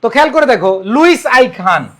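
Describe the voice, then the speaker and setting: A man's voice: extremely high pitch, big pitch swings, moderate pace, sharp tone. A young man teaching an online exam-prep English lesson, coaxing and repeating rules for his students. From Bangladesh.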